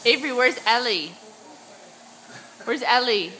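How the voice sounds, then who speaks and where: Woman, caregiver, slow sing-song baby talk, bright and lively. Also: a little high, a little hiss or hum, rough recording. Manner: sing-song, coaxing, repeats short questions.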